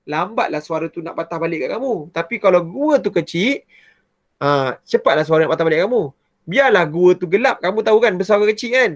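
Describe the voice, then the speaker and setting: A man with a Malaysian Malay accent, a primary science teacher explaining a lesson to his pupils in a chatty, animated way. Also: sits high, dry recording, studio quality. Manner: chatty and animated, often starting with "ha".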